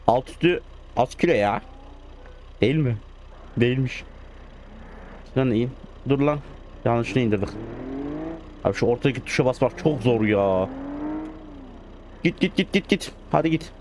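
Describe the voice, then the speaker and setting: A man giving casual, excitable commentary as he plays a driving game, scolding the computer drivers. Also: medium pitch. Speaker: gaming channel host. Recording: loud game car noise behind.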